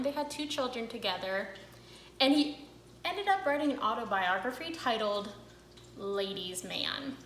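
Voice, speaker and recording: Young woman, vlog host, rambling casual chat, higher voice, roomy echo, faint hiss. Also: fairly bright tone. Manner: chatty, rambling with fillers. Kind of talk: casual talk to camera.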